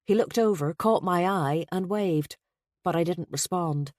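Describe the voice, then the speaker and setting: A woman's voice: on the low side, a little slow, darkish tone, no room sound, clean studio sound. A woman narrating a mystery audiobook in the first person, wry and introspective.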